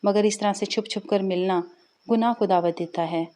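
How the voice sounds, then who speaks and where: A woman's voice: medium pitch, fairly even intonation, mellow, close to an everyday voice. A woman voicing an indignant young married woman in a spoken story, scolding sharply. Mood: angry scolding.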